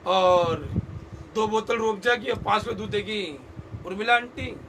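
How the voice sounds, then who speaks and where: High-pitched male pastor, call and response sermon, keeps asking the crowd to repeat after him, noisy recording. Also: normal speed. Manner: quizzes the congregation, repeating phrases. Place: church hall. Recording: loud background noise.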